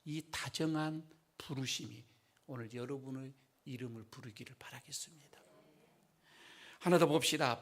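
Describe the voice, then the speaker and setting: A male pastor preaching a sermon in a church sanctuary, swinging from loud emphasis to hushed whispers. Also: fairly high pitch. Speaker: senior pastor.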